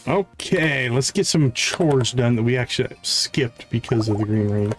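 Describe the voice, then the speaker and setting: This man's mid-range voice is animated and moves at a moderate pace as he casually talks through his live gameplay. The game streamer mostly speaks to himself in short comments, repeating words while thinking, against background music.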